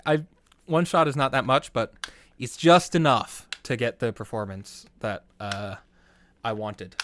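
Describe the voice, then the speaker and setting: A man casually talking through the making of his own videos, rambling, trailing off and restarting, with bursts of excitement. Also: mid-range voice, no echo. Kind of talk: casual behind-the-scenes commentary.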